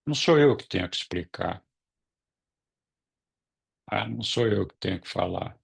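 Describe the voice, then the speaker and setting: A man in a casual group discussion, speaking calmly and reflectively and posing questions to the listener. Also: on the low side, normal speed, gravelly, husky. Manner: calm, reflective, asks questions. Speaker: study group member leading the turn-taking.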